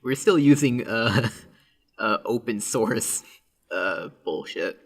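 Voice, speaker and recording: Husky-voiced young man, wry and laid-back. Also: medium pitch, animated, slow, fairly bright tone. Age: young adult. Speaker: podcast co-host. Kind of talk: casual chat.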